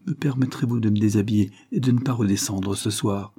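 A man reading aloud voices a gentle, tired young wife who speaks softly and quietly. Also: on the low side, a little fast, husky. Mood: weary, gentle. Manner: soft and hushed. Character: gentle, weary young lady, soft-spoken.

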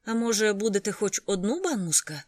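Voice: medium pitch, big pitch swings, a little slow, dry recording. An audiobook reader voicing an eager, pushy male cafe waiter who coaxes customers and calls orders to the kitchen, with a raised voice, in a dry, close setting. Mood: coaxing. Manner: coaxing, then shouting orders. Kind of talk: audiobook character voice.

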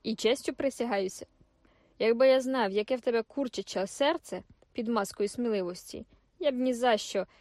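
A woman's voice: on the high side, moderate pace, darkish tone, no room sound, studio quality, close to an everyday voice. A woman reading the lines of a brash, dismissive young male soldier, curt and commanding. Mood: brusque.

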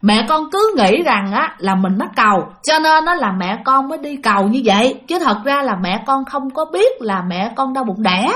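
A calm old exorcist man, as a woman narrator puts him on, gentle and soothing, coaxing a spirit to leave. Her own voice, only lightly shaped. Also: high-pitched, normal speed, few pauses. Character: calm elderly male exorcist shaman.

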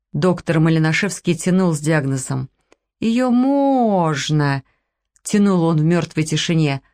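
A woman reads a comic story aloud in a low-pitched voice. Her telling is lively and playful, with plenty of expression. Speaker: audiobook narrator. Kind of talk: expressive audiobook narration.

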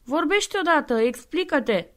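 A woman's voice: high-pitched, lively intonation, a bit bright, pitched above the performer's own voice. A woman reading the lines of a sympathetic adult male burglar in an audiobook, curious and questioning.

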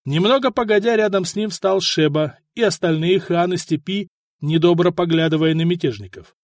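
A man narrating an audiobook in an expressive storytelling manner. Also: high-pitched, moderate pace, dry recording, clean studio sound. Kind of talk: scripted narration.

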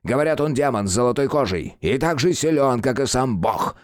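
A man voicing a loud, cantankerous old village grandfather who yells taunts and boasts in an audiobook. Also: mid-range voice, animated, a little fast, dry recording, clean studio sound, pitched above the performer's own voice, close to an everyday voice. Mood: shouting, taunting. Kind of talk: audiobook character voice.

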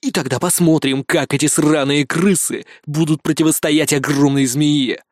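A man voicing a defiant, foul-mouthed young man in an audiobook, snarling and sarcastic. The voice runs a little high for a man and sits dry and close. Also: steady tone, normal speed, no echo, lightly acted.

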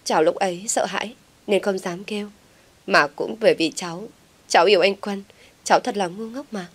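A woman's voice: mid-range voice, brisk, breathy edge, close to an everyday voice. A woman voicing a scheming young female teacher who feigns being the victim with tearful pleading. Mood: pleading, sobbing.

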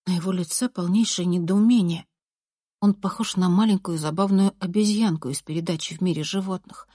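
Husky woman reading an audiobook, calm, dry close sound. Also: lowish voice, brisk, dry recording. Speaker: narrator. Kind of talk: audiobook narration, first person.

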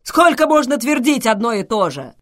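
A woman's voice: on the high side, sing-song, moderate pace, voice pushed up. A woman voicing a brash, boastful man who curses and makes bold declarations.

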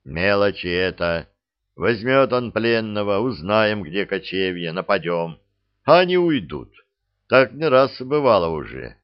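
A man's voice: on the low side, expressive, unhurried, clean tone, muffled recording. A man voicing a skeptical grey-mustached Cossack.

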